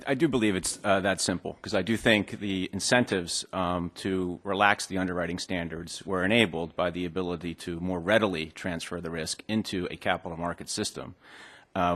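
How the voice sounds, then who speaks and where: A man testifying formally as an expert witness, in long, measured, slightly hesitant phrases. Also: low voice, fairly bright tone.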